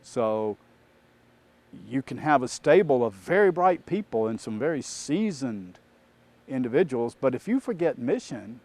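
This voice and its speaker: A man who trains auditors, telling a work anecdote in an animated, casual storytelling way. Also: mid-range voice, unhurried. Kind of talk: storytelling talk.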